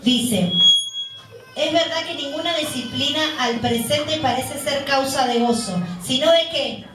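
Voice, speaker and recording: A woman's voice: sits high, measured pace, heavy background noise. A woman deaconess preaching a sermon, often asking the congregation questions and answering them herself. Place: church hall. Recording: very echoey hall, voice picked up from a distance.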